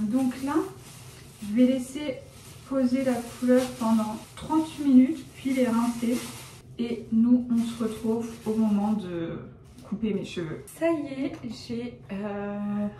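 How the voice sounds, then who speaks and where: Recorded off the mic in a roomy home setting with a little hiss or hum, a young woman's fairly high, dark-toned voice carries her casual hair-dyeing vlog. She drifts from point to point, corrects herself often, relies on fillers like "genre" and "euh," and by her own account is shy and reserved.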